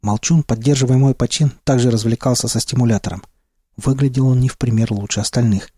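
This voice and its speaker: Male narrator for a first-person audiobook, steady and low-key, husky timbre, dry close sound. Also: a little fast, no echo.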